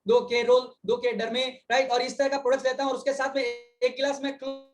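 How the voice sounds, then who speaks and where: A man's voice: extremely high pitch, level tone, fast talker, over music. Man interpreting over a video call. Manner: fluent, restates each point in full. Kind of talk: consecutive interpretation.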